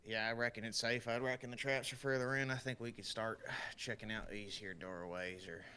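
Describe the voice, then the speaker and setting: A man's voice: lowish voice, steady tone, brisk, sharp tone. A young man playing a tabletop game online, talking in a laid-back, drawling, self-deprecating way. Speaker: player. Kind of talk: casual game chat. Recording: faint background noise.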